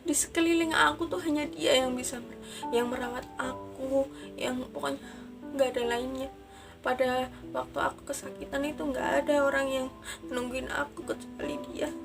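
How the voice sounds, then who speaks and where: A woman's voice: high-pitched, little pitch movement, normal speed, creaky. A woman vlogger telling a personal story into a phone mic in an emotional, sorrowful way, often addressing her viewers as guys. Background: background music.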